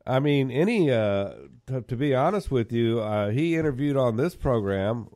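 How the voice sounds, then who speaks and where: A man's voice: medium pitch, expressive, moderate pace, a little mellow. An older man hosting a live-stream talk show, chatting casually in a rambling, wry and sarcastic way with frequent restarts. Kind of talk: casual talk radio chat.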